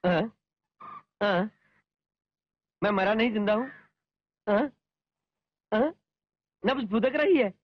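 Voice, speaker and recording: A shrill, sneering lecher. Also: male voice, animated, slow pace, pauses often, dry recording, full character voice. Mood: giddy relief. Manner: pompous and sneering, then whining and pleading. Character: lecherous, boastful, cowardly middle-aged man. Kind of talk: Hindi film dubbing. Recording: dull film soundtrack with music.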